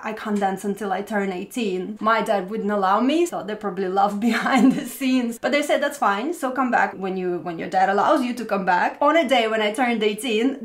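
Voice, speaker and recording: A woman in her thirties from Latvia, chatting casually as she tells her life story while doing her makeup in front of a close camera in a bright home room. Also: mid-range voice. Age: 30s. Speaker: makeup vlogger. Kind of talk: casual get-ready-with-me chat. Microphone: fixed camera at close range.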